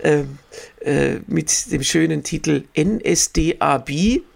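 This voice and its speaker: Man, podcast co-host, gravelly, ironic banter. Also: a little high, slow. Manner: dry, ironic, laughs between points. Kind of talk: casual chat.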